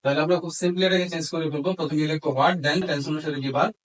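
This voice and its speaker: Speaking rapid-fire with fairly even intonation, a man with a slightly high voice and a Bangladeshi accent delivers a grammar lesson. He explains each step, dictates in small pieces, and switches between Bengali and English terms.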